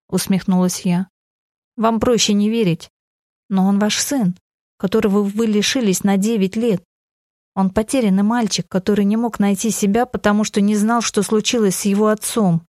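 A woman's voice: medium pitch, warm tone, no echo, clean studio sound. A woman narrating a novel in the first person, with earnest, emotional delivery. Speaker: audiobook narrator.

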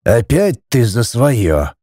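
A man voicing a stern middle-aged judge and father in an audiobook, speaking slowly and heavily as he lectures his family. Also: mid-range voice, big pitch swings, dark tone, no room sound, studio quality. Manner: slow, weighty, lecturing. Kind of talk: audiobook character voice.

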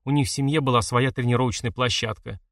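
A man's voice: mid-range voice, steady tone, fast, gravelly, dry recording, studio quality, lightly acted. A man voicing a sulky stubborn village boy. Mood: defensive. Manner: snappish, grumbling.

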